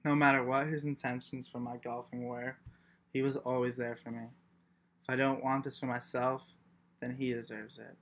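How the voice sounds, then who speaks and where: A young man performing a reflective first-person monologue as a class performance, with a steady delivery and the odd throat clearing. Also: mid-range voice, normal speed. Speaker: student performer.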